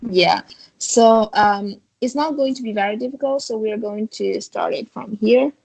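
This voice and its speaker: A woman's voice: fairly high pitch, moderate pace, gravelly, a little mellow, poor audio. A woman teaching a beginner Chinese lesson over a video call, patiently guiding her student with questions. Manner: patient, coaxing, guides with questions. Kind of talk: online language lesson.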